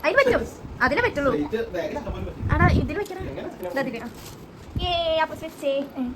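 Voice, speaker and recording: A woman with a high voice talks casually to her viewers and coaxes a small child in a sing-song tone. The recording is noisy, with traffic and outdoor sounds around her. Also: very animated, normal speed. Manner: coaxing sing-song talk to a toddler. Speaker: vlogger and mother. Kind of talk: casual family vlog talk.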